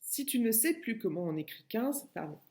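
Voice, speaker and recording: A woman's voice: fairly high pitch, big pitch swings, moderate pace, darkish tone. A woman with a French accent, a kindergarten teacher recording a lesson for a child at home and breaking words into syllables patiently.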